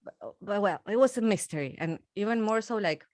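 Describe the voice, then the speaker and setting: A woman's voice: medium pitch, animated, fairly quick, a little mellow, dry recording, studio quality. A woman from Argentina, a musician in her thirties, chatting in an interview and laughing often. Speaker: musician guest. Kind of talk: casual interview conversation.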